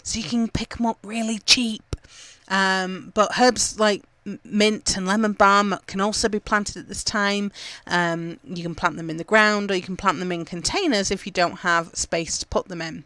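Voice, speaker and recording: A woman's voice: mid-range voice, fairly even intonation, normal speed, sharp tone, no room sound. A woman from England hosting a gardening podcast, chatting casually with lots of fillers as she gives upbeat tips. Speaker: podcast host.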